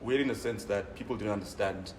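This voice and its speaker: A young man in his twenties with a South African accent talks about himself in a relaxed way, full of "you know" and "um". His low voice sounds set back from the mic. A steady noisy hum sits under the recording. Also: fairly quick. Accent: South African English. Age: 20s. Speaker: interview guest. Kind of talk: casual interview. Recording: distant mic, noisy room.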